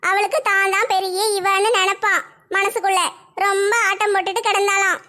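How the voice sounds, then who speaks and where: A teasing big-sister girl, voiced by an actor from a comic cartoon. She cackles and mocks her little sister in a very high, bright, shrill voice. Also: little pitch movement, a little fast. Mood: gloating. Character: gloating mischievous elder sister girl.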